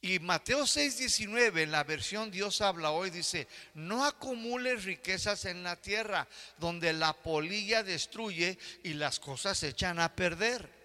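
High, bright-voiced older male preacher. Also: expressive, unhurried, hardly any pauses, big-room sound. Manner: asks the congregation for agreement. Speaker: pastor. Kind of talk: sermon.

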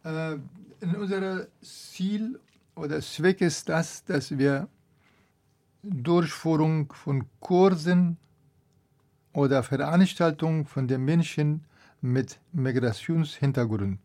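Slow and mellow, with a slightly high voice, a middle-aged Persian-accented doctor gropes for words as he fields a radio interviewer's questions. He's a native speaker of Persian (Dari).

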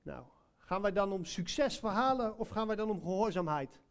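A man's voice: sits high, lively intonation, moderate pace, smooth. A man preaching a sermon, telling a personal story in a conversational way, with many hesitations and direct questions to listeners.

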